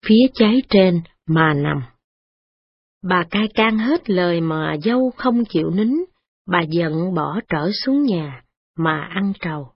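A woman reading a story aloud in a steady, expressive way. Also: on the low side, slightly rough, dry recording. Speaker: narrator. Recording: dull lo-fi recording with faint music.

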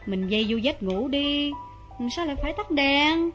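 Soft-spoken proud young wife. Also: female voice, high-pitched, lively intonation, moderate pace, over music. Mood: gentle. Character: gentle but proud young wife, mistreated. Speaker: actor. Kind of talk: stage drama acting.

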